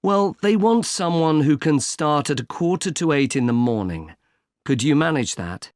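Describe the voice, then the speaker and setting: A man playing a polite employment agency consultant in a scripted exam dialogue, speaking in a measured way and spelling words out slowly. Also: a little high, lively intonation, no echo, clean studio sound, close to an everyday voice. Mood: calm. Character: helpful male recruitment agent, patient and polite.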